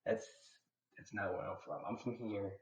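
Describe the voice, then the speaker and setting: Here the young Atlanta streamer speaks at a moderate pace in a lowish voice with fairly even intonation. He rambles chattily in slang, reacting to manga and answering his viewers. The setup sounds roomy and a bit dull, like a home room.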